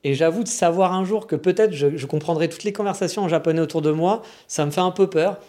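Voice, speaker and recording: A man's voice: a little high, quick pace, mellow. A man from France with a French accent, talking in a rambling, frank, slangy casual monologue. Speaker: vlogger living in Japan.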